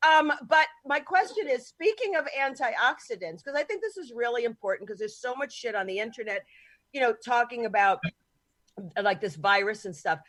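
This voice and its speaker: Female podcast host, high, dry-voiced, teasing and frank. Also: lively intonation, normal speed, fairly bright tone, no echo. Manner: teasing, blunt, swears casually. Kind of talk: casual chat over a video call. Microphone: video call.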